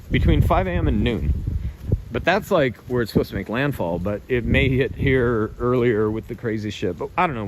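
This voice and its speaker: American male livestreamer, mid-pitched, blunt and offhand, casual outdoor storm vlog, heavy wind noise. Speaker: livestream host. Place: outdoors on a residential street. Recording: loud wind and outdoor rustle.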